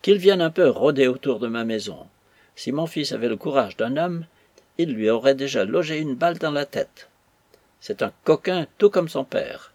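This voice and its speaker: A man reading aloud as a ruined old merchant, bitter and furious, ranting in a husky, breathy voice. The recording is dry and close, with no room sound around it. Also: mid-range voice, expressive, normal speed, darkish tone, no echo. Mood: angry. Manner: ranting, bitter, raising his voice. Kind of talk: audiobook character voice.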